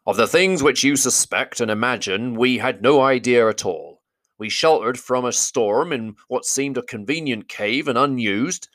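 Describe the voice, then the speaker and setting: A proud dwarf leader, stiffly and formally polite, as a man voices him in a storybook reading. The voice sits well above the reader's usual deep tone and is bright and forceful. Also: moderate pace, no echo, clean studio sound, close to an everyday voice. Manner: formal, courteous, raised voice. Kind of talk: audiobook character voice.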